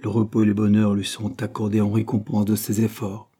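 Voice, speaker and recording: Mellow, husky male audiobook narrator. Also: on the low side, monotone, brisk. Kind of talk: reading a classic novel aloud.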